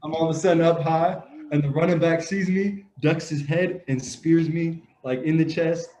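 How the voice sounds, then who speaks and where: A young man co-hosting a casual sports podcast, telling stories in a relaxed, rambling way with many fillers. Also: fairly high pitch, normal speed. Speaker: podcast co-host, grandson. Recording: dull lo-fi audio.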